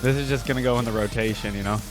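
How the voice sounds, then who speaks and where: A man hosts a reaction video, talking in a casual, slangy, chatty, and enthusiastic way. His medium-pitched voice is rapid-fire with fairly even intonation. Music from the videos he's watching plays behind his voice.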